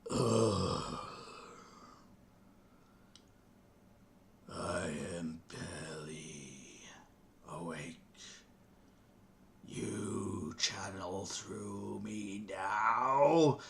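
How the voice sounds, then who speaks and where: A man voicing a drowsy ancient god with a deep, booming voice, speaking slowly in a half-whisper. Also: creaky, fairly bright tone, a little hiss or hum, exaggerated voice.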